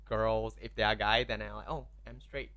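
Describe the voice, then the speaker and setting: A man's voice: fairly low pitch, fairly even intonation, normal speed, sharp tone. A man in his twenties from Malaysia, a podcast guest talking openly and frankly, often saying "like". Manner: open, frank, says "like" often. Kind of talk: casual podcast chat.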